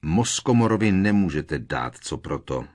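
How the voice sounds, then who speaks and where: A man's voice: on the low side, sing-song, voice pushed up. A man voicing an irritated teenage boy wizard who answers curtly and impatiently in an audiobook. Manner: curt, tense, impatient. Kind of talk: audiobook character reading.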